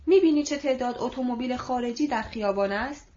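Calm, assured older male manager, read by a woman with a fairly high voice; dull lo-fi audiobook sound. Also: close to an everyday voice. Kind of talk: audiobook reading. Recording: dull lo-fi recording.

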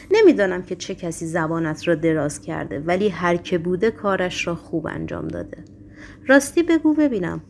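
A harsh, broken-voiced Roman governor of middle age interrogates with cold irony, voiced by a woman narrating the story. The voice sits lowish in pitch. It is an audiobook reading with only light character colouring. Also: slight background noise, close to an everyday voice. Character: stern middle-aged male Roman governor, harsh and ironic.

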